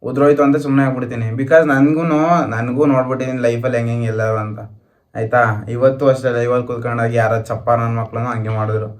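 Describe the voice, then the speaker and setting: A man's voice: medium pitch, little pitch movement, fast. A young man vlogger, repeating pleas and boasts as he argues with his partner on camera. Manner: pleading, repetitive, boastful. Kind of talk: couple prank vlog argument.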